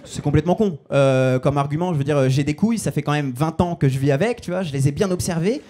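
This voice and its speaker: A man's voice: fairly high pitch, quick pace, mellow, a little hiss or hum. A man in his twenties performing a self-mocking stand-up set on stage, in a casual slangy way. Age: 20s. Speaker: stand-up comedian. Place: stage before a live audience.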